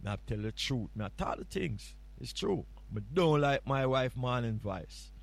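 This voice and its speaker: A man with a Jamaican accent is standing in as a radio host, chatting casually on a morning show. His medium-pitched voice has lively intonation, vocal fry, and a normal speed, and he's playful, rambling, and teasing.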